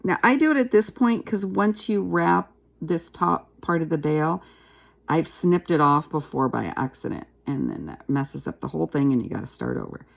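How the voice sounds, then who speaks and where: Gravelly-voiced woman teaching a craft. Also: sits low, moderate pace. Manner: chatty, relaxed, talks while working with her hands. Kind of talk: casual craft tutorial.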